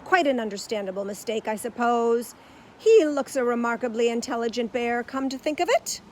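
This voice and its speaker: A woman voicing a pompous, booming grand old male stage actor who talks gruffly and theatrically in a storybook. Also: moderate pace, lightly acted.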